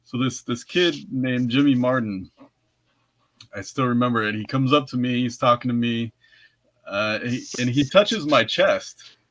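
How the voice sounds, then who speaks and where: Podcast co-host, man, easy anecdote teller, laughs a lot, middling pitch, close dry mic. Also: normal speed, a bit bright, no echo. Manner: laughs often, many restarts. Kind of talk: casual storytelling chat.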